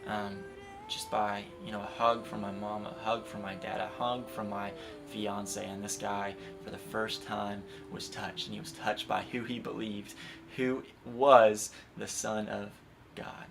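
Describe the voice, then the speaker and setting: A young man in his twenties preaching an earnest sermon, building to impassioned emphasis and then dropping soft. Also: lowish voice, flat delivery, unhurried, vocal fry. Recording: guitar music playing underneath.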